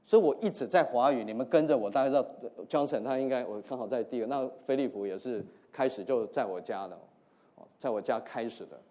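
A man preaching a sermon as a pastor, swinging from loud emphasis to soft asides and dropping English words into his teaching. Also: mid-range voice, a little fast.

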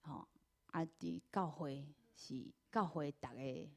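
A woman with a Taiwanese accent giving an earnest personal church testimony, telling her story with many drawn-out fillers. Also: deep voice, gravelly.

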